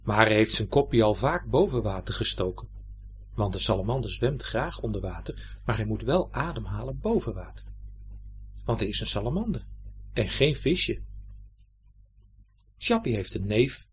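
A man reads a children's story aloud with lively, swooping intonation. His voice is husky and breathy, and he sounds expressive and unhurried. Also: mid-range voice.

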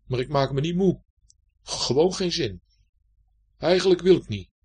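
A man's voice: a little high, expressive, normal speed, slightly rough, pitched above the performer's own voice. A man voicing a lazy, sulky old male Winter with an icicle beard in a storybook, grumbling and mumbling.

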